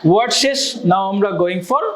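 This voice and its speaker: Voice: mid-range voice, normal speed. An English teacher leading a classroom lesson in call-and-response drills, mixing English phrases into the talk. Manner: mixes Bengali with English phrases.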